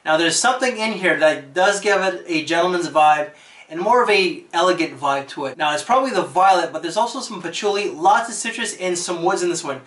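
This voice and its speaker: A man's voice: high voice, animated, a little fast, fairly bright tone, echoey room. A man casually reviewing fragrances for his channel, chatty and enthusiastic, with frequent fillers.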